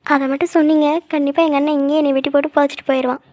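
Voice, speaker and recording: Rapid-fire, high cartoon young woman voiced by a woman. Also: level tone, a little mellow, dry recording, close to an everyday voice. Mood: frightened. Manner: scolding, lecturing, then frightened. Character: young woman, hot-tempered friend turned peacemaker. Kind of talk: cartoon voice acting. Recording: dull lo-fi dry recording.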